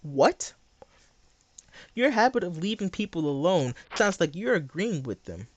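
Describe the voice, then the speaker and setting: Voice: medium pitch, big pitch swings, moderate pace, no room sound. A teenage live streamer chatting and debating bluntly and casually while chewing gum. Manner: blunt, argumentative.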